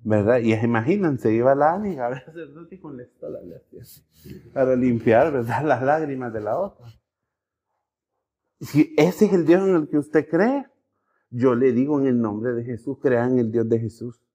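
A male pastor preaching a sermon in a conversational way, often checking in with the congregation and telling lively stories. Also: medium pitch, normal speed, highs cut off. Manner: conversational, keeps asking the congregation "¿verdad?"; animated storytelling with acted-out voices and jokes.

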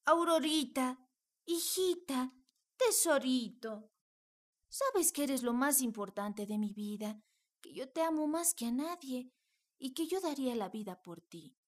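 A woman's voice: sits high, lively intonation, measured pace. An actress playing a loving working mother who speaks tenderly and anxiously to her daughter. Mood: tender, worried.

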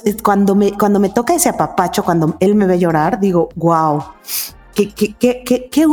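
A woman's voice: lowish voice, darkish tone. A woman, a guest chatting candidly and emotionally in an interview, repeating words for stress and sounding tired. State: weary. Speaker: guest, mother of two.

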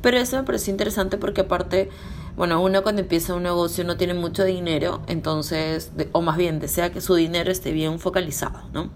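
A woman with a Peruvian accent and a hoarse, throaty, sick-sounding voice, talking casually as a podcast host sharing practical information. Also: lowish voice, fairly even intonation, fairly quick. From Peru. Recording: clear background noise.

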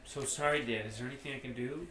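A man's voice: mid-range voice, fast talker, fairly bright tone, reverberant, natural voice, poor audio. A man reading an anxious young man who seeks approval, sounding timid and apologetic.

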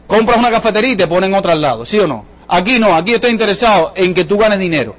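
A man gives a sales pitch at a seminar, talking fast and with energy. His voice sits high for a man, and he keeps turning to the audience with questions and jokes. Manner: animated, joking, asks the audience questions. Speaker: business presenter at a sales seminar. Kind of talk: lively motivational sales talk to a live audience.

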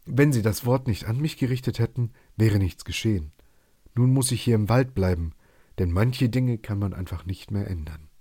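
A man's voice: fairly low pitch, moderate pace, dark tone, slightly rough, no echo, clean studio sound. A man voicing a hot-tempered eighteen-year-old archer with defiant, boastful retorts in a storybook reading. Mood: brooding. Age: young adult.

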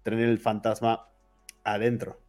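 A man's voice: lowish voice, monotone, a little slow, a little mellow, faint music behind. A man with a Mexican accent, co-hosting a podcast in casual chat and asking curious questions. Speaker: podcast co-host.

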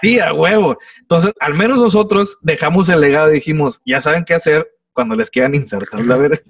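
A young man with a Mexican Spanish accent tells a story with plenty of slang and swearing. His voice sits a little high. He comes through a dry, distant mic on a shaky video call. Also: a little fast, no room sound. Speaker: podcast guest. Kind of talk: casual storytelling chat.

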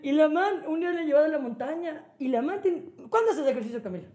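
High-pitched Ecuadorian woman podcast host, lively swearing storyteller, casual talk. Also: fast talker. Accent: Ecuadorian Spanish. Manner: animated, swearing, laughing storyteller.

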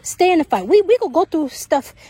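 A woman's voice: very high-pitched, very animated, brisk, mellow, no room sound. A woman podcast host, out of breath from walking outdoors on a track, giving casual, repetitive faith encouragement. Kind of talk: faith-based encouragement talk.

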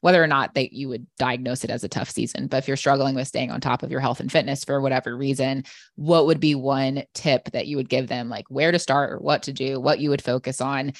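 A woman's voice: a bass voice, fairly even intonation, brisk, no room sound, studio quality. A woman hosting a podcast roundtable, chatty and laughing often between points. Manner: laughs often, conversational fillers. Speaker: podcast host. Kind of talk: casual roundtable chat.

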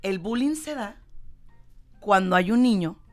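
Mexican woman host, mid-pitched, punchy and repetitive, talking to her audience over faint music. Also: animated, unhurried. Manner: emphatic, repeats points, addresses audience directly. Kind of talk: motivational talk-show chat.

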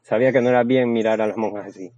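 A man's voice: fairly low pitch, steady tone, rapid-fire, a little mellow, no room sound, lo-fi sound. A man giving a blunt, crude and boastful seminar talk as a Spanish voice-over, often restarting his phrases. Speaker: seminar speaker.

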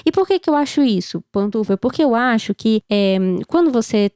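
A Brazilian woman explains things casually on a podcast in a dark, mellow voice with a choked, duck-like sound. She is chatty and playful, often posing questions and answering them herself. The recording is very dry and close. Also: a little high, animated, fairly quick, clean tone, no room sound. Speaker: podcast host.

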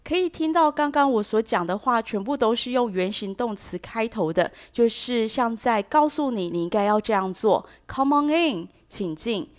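A woman who teaches language hosts a bilingual English lesson, explaining patiently and slipping English phrases into her speech. Her voice is fairly high and animated, at a moderate pace with few pauses, and she acts out example sentences with shifting stress.

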